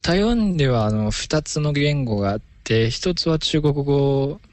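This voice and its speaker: A man with a mid-pitched voice, talking things through patiently and pausing on fillers as he explains. It sounds close and dry, with no room around it. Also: lively intonation, darkish tone, no echo. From inland China. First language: Chinese. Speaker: radio DJ guest. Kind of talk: casual conversational interview.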